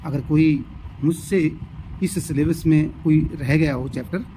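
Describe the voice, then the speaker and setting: Male teacher, fairly high voice, explanatory delivery, faint traffic behind. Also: unhurried, dark tone, low-quality recording. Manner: explanatory, repeats key terms. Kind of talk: lesson overview.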